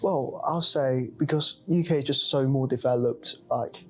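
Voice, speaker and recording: Halting young man from Hong Kong. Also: medium pitch. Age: young adult. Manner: halting, frequent fillers like "yeah". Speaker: student. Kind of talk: casual discussion.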